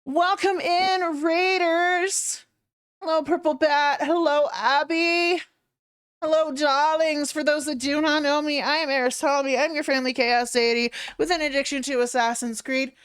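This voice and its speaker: A woman's voice: high voice, fairly even intonation, unhurried, a bit bright, no echo, studio quality. A woman hosting a game livestream, greeting viewers in a cute, bubbly manner.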